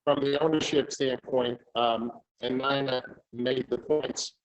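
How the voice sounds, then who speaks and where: A man in a video-call meeting from a hotel business office, speaking haltingly through audio that breaks up and freezes. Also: mid-range voice, steady tone, low-quality recording. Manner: halting, filler-heavy. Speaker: property owner.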